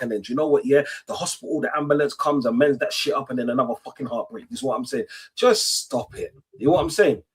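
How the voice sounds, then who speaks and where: A man's voice: mid-range voice, breathy edge. A man, a regular pundit, ranting about football in a swaggering, profane, casual way. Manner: swaggering, profane, repeats tags like "you get me". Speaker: football pundit, Arsenal fan. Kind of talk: animated casual football rant.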